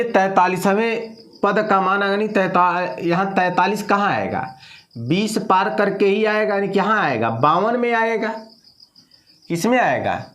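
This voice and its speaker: A man's voice: high-pitched, fairly bright tone. A man teaching a math lesson, asking questions and answering them himself, repeating the numbers as he works through a problem.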